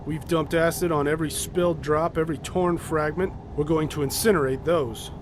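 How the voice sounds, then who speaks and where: An actor plays the commanding, methodical leader of a polar expedition in an audio drama, explaining matters with deliberate authority. His fairly high male voice stays mostly even and grimly businesslike, only lightly acted, against a noisy background.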